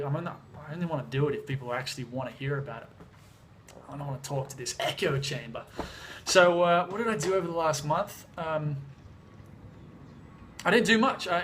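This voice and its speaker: A music producer from Sydney, Australia, vlogs casually to camera from his mountain home, moving between outdoors and indoors. His voice is a little high and a bit hoarse from being sick, with a slight hiss or hum in the audio. He's relaxed and chatty, full of fillers and restarts.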